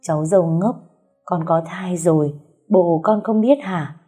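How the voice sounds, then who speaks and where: A woman voicing a firm, caring old grandmother, speaking in a steady, admonishing way. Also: lowish voice, measured pace, slightly rough, faint music behind.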